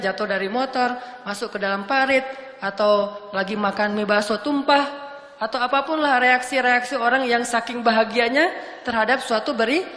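A woman's voice: on the high side, sharp tone. A woman giving a humorous, casual sermon with playful, jokey storytelling. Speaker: preacher. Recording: echoey hall with long reverb.

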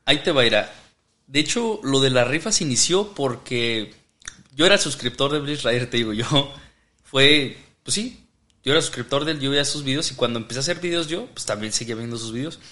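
A man's voice: mid-range voice, lively intonation, a little fast, pushed and bright. A man, a motorcycle vlogger guest, telling a story in casual chat and acting out the quoted lines. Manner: laughs often, acts out quoted dialogue.

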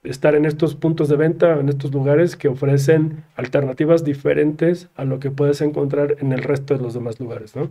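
A man with a Mexican Spanish accent talks through his points in a relaxed interview, leaning on fillers and little tag questions. His voice sits a bit higher than most men's, with a dark, mellow tone. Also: moderate pace, hardly any pauses. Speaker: craft brewery representative guest. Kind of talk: casual interview chat.

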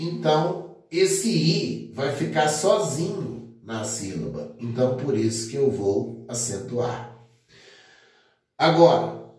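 A man teaching a grammar lesson, methodical and repetitive, with many fillers. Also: fairly high pitch. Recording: echoey room, distant mic.

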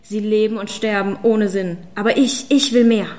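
A woman's voice: a little high, lively intonation, normal speed, close to an everyday voice. A woman voicing a power-hungry witch. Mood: fanatical. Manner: hissing, commanding, then shouting. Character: fierce ageless female witch, power-hungry.

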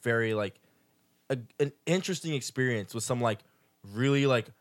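A man's voice: medium pitch, moderate pace, no room sound. A man co-hosting a casual podcast chat, joking, slangy and full of "like". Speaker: podcast co-host.

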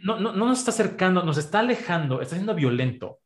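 A man with a Mexican accent in a podcast conversation, explaining ideas with everyday examples in an animated way. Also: high voice, fast. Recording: roomy echo.

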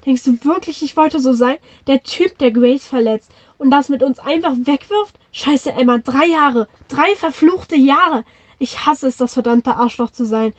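A fired-up young man pours out his feelings in a dry, slightly muffled read, as a woman voices him in her own high voice. The lines come from a storybook read aloud. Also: unhurried, dry recording. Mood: angry pleading. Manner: reading in her own voice, no voice change. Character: heated young man confronting his friend.

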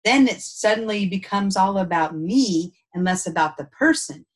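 A woman's voice: mid-range voice, lively intonation, normal speed. A woman co-hosting a podcast, talking through ideas thoughtfully in casual chat with easy laughs. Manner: thoughtful, unpacks ideas aloud with frequent "and so" restarts; laughs easily. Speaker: podcast co-host.

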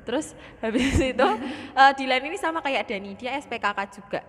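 A woman's voice: high-pitched, expressive, fairly quick, fairly bright tone, big-room sound. A young woman in a casual podcast chat, telling stories about her study group in a chatty, giggly way. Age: young adult. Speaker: podcast co-host, medical student.

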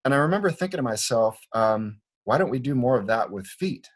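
A man's voice: mid-range voice, expressive, brisk. A man from Liberia, a foot doctor, explaining his views in an earnest, conversational way with frequent restarts. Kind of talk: conversational interview. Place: Portland, Oregon clinic.

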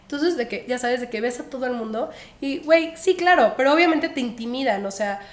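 An animated young Mexican woman tells a story with plenty of slang and laughter. Her voice sits high. The room is echoey. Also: a little fast. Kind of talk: casual storytelling chat.

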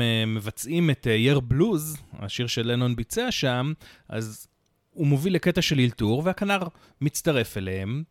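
A man's voice: mid-range voice, no room sound, clean studio sound. Chatty male podcast co-host. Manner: chatty, recounts events with many fillers and quips. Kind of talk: casual storytelling chat.

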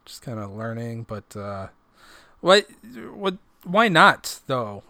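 Male co-host, crude and offhand, mumbles through it, sharp bright tone. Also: mid-range voice, very animated, slow pace, dry recording, studio quality. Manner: crude, self-deprecating, mumbling. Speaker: podcast co-host. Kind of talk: casual chat.

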